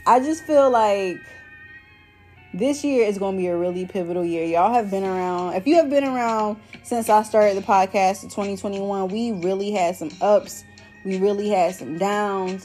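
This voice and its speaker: A woman with a mellow, warm voice chats casually as a solo podcast host. She sounds stoned, drifting through slangy, rambling thoughts addressed to y'all. Faint music plays behind her. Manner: stoner drawl, high and rambling.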